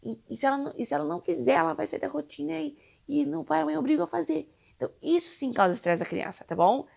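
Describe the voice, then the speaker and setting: A woman's voice: high-pitched, lively intonation, very fast, creaky, a little mellow. A young woman from Brazil, an English teacher for children, explaining in a chatty, reassuring way with frequent tag questions. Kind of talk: casual explainer video.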